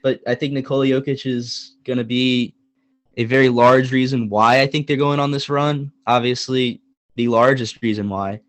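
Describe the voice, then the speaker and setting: A man's voice: medium pitch, normal speed, no room sound. Joking young man co-hosting a sports podcast. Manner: animated, joking, emphatic repetition. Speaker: podcast co-host. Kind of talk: casual sports podcast chat.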